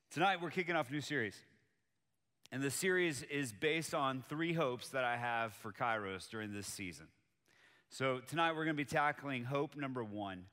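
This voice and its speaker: Bright-voiced pastor in a reverberant hall. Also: male voice, medium pitch. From Colombia. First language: Spanish. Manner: conversational, personal preaching. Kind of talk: sermon. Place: church auditorium with live audience.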